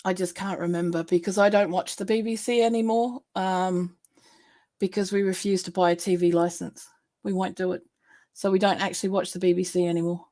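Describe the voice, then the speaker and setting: A woman's voice: fairly low pitch, mellow. Chatty woman hosting a live stream. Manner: rambling, chatty, laughs often, reads out viewer comments. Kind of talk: casual live chat.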